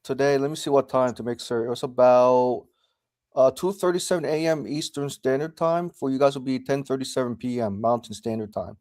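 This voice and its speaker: A man's voice: mid-range voice, a little fast, darkish tone, no room sound, studio quality. A man chatting casually on a group call, polite and accommodating. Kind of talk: casual chat.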